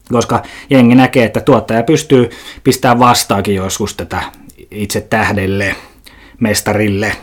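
Rambling sarcastic Finnish-speaking male podcast host. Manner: rambling, sarcastic, swears, jumps to high mock-indignant pitch. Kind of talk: casual comedic monologue.

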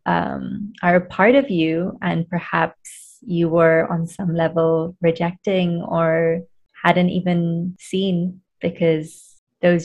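A woman guest in an interview, a coach explaining her work in a thoughtful, measured way. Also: fairly low pitch, creaky, a little mellow, dull audio. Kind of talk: conversational interview.

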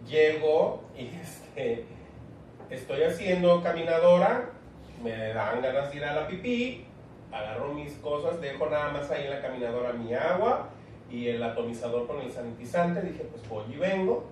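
Mexican man telling a story, echoey. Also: moderate pace. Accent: Mexican Spanish. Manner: slangy storytelling, animated quoting. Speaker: co-host. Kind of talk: casual chat. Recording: echoey room, far from mic, faint rumble.

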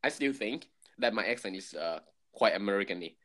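Thai guy accent, twenties, lowish voice, casual chat, kinda halting while he finds the words. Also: expressive, fairly bright tone. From Thailand. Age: 20s. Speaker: conversational co-host.

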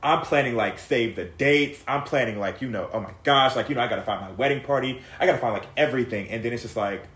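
In an echoey room, a podcast guest in his thirties shares something painful from his life, his chat emotional and rambling, full of fillers, restarts, and curse words. He talks fast with few pauses, in a medium-pitched, fairly bright voice.

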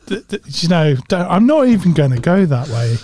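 A man with a fairly high, animated voice co-hosts a podcast in relaxed, teasing chat. He jumps in with quick interjections. The sound is dry and close, from a studio microphone. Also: no echo. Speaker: podcast co-host. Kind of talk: casual chat.

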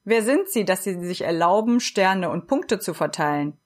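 A woman reading a storybook aloud and voicing a big, kind, bearded old woodcarver who speaks gently and slowly. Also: medium pitch, lively intonation, close to an everyday voice. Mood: gentle. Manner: gentle, slow, reassuring.

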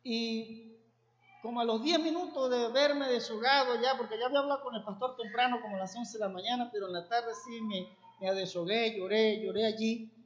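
High-voiced pastor preaching. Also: male voice, brisk. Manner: earnest and emotional, building to fervent exhortation. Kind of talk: sermon with personal testimony. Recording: echoey room, dull lo-fi sound.

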